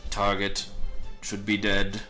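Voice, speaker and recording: A relentless armored robot construct, put on by a man running a tabletop game, speaking in a clipped robot voice. Its words come out slow and mechanical, with a bright, forceful edge over a slightly low pitch. Every line sounds cold and emotionless. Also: completely flat delivery, soft background music. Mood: flat mechanical. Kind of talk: game master voicing a monster in a tabletop game.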